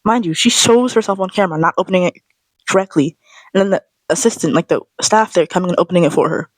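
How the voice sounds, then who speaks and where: A woman vlogger ranting in a sassy, animated, slangy way, straight to camera. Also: on the low side, quick pace, dry recording. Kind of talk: casual ranting monologue.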